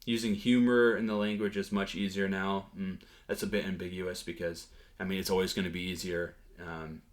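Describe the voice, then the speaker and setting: In a casual talking-head vlog, a man with a deep, low voice gives a relaxed update on his language learning. He hesitates often, filling gaps with "um" and "like" and restarting sentences as he thinks aloud.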